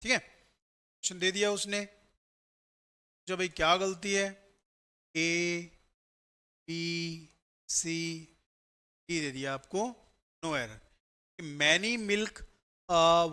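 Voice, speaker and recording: Bright, high-voiced male grammar teacher. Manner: explains step by step, often adding a checking "है ना?". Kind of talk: classroom lecture for exam students.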